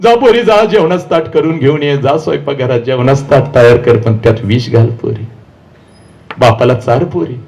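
A man's voice: mid-range voice, moderate pace, vocal fry, a little mellow, dull audio, pitched below the performer's own voice, natural voice. A man voicing a humble, grieving father who begs his daughter to come home and asks forgiveness. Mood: pleading. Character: pleading humble village father, grieving, apologetic.

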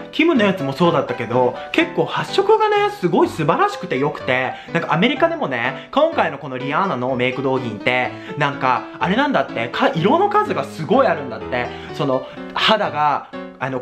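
A young man hosts a casual makeup vlog in exaggerated gyaru slang. His delivery is rapid and very animated, full of theatrical exclamations. Faint music plays along with his voice. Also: fairly high pitch. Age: young adult. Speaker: video host. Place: small plain indoor room.

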